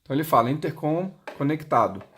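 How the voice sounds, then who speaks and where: This intercom seller speaks quickly and expressively in a fairly high, somewhat bright voice, carrying a Brazilian Portuguese accent. His unscripted demonstration goes step by step in a plain, instructional style. Clicks and clear noise run through the recording.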